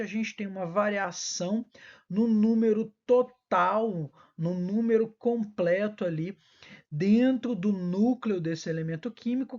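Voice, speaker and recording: A woman's voice: medium pitch, a little mellow. Woman explaining soil chemistry, lo-fi. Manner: didactic, explanatory with frequent self-corrections. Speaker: university lecturer. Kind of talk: recorded lecture.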